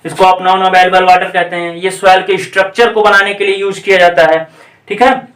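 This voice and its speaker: A male coaching teacher lectures in a classroom, walking through each idea step by step and checking in with the class. He slows down to dictate English technical definitions. His fairly high voice is picked up from a distance, with a lot of room echo. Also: level tone, a bit bright. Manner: explains step by step, checking in with repeated "theek hai". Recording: echoey room, voice off-mic.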